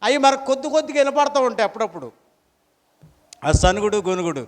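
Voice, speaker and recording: A man's voice: extremely high pitch, very animated, fast talker, big-room sound. A pastor preaching a sermon, throwing rhetorical questions at his congregation.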